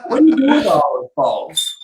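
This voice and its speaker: A man asking joking questions in a lively casual chat. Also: on the high side, moderate pace, echoey room, a loud crowd.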